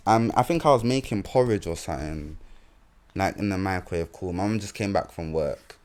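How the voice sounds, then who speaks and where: A man's voice: deep voice, normal speed, a little mellow. A young man with a London accent, co-hosting a podcast and telling rambling stories full of slang in casual chat. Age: young adult. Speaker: podcast co-host.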